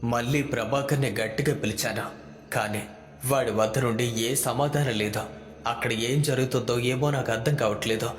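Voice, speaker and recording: A man tells a ghost story in the first person at a middle pitch, keeping the telling tense and suspenseful. His voice rings out in a roomy, long-reverb space. Faint music plays underneath. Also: steady tone, normal speed. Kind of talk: scripted horror story narration. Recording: echoey hall with background music.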